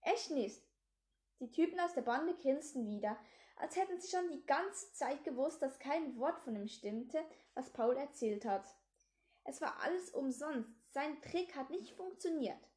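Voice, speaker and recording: Lady reading a kids book out loud, high voice, steady, few slips. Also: measured pace. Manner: steady storytelling with small slips. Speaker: reader of a children's book. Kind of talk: reading aloud a children's book.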